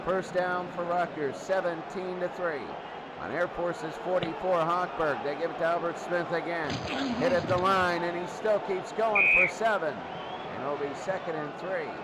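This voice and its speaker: A man calls a football game live as play-by-play commentator, his voice sitting high at a normal speed. A loud crowd and stadium-like noise fill the background behind him.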